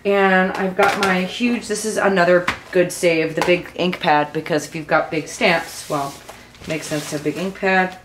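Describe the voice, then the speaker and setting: A woman talking casually through a craft tutorial as she works, rambling and thinking aloud, with a low early-morning voice. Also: steady tone, normal speed. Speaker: mixed-media craft tutorial host. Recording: echoey room, faint background noise.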